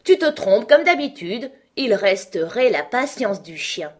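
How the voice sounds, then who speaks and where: A woman's voice: on the high side, sing-song, unhurried, a little mellow, voice pushed up. A woman reading an audiobook, voicing a bossy, stern queen who lectures in curt, scolding questions.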